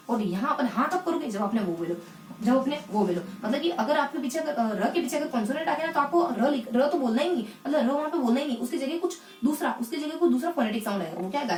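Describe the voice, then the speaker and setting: A woman teaching English phonetics in a lesson, asking the class questions and answering them herself, and repeating key words slowly. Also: high voice, a little mellow, echoey room, recorded from a distance, slight background noise. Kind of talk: explanatory lesson in Hindi.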